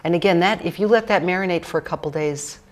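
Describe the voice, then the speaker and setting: A woman's voice: on the low side, quick pace. A woman cookbook author chatting casually through a cooking demonstration, rambling with jokes and fillers.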